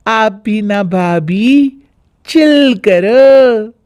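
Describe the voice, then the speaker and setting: A woman's voice: a little high, lively intonation, very slow, darkish tone, pitched above the performer's own voice. A woman voicing a carefree young unmarried girl who teases her sister-in-law in a breezy way. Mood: teasing, breezy. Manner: breezy, teasing.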